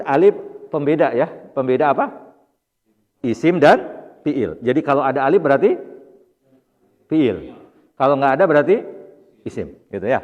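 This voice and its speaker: A man with a Sundanese accent teaches Arabic grammar in a mosque, pausing often to address his listeners politely and check they follow. His voice carries a long reverb from the hall around him. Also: mid-range voice, darkish tone, lo-fi sound. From Indonesia. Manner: explains patiently, often addressing listeners as "Pak". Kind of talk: mosque study-circle lesson.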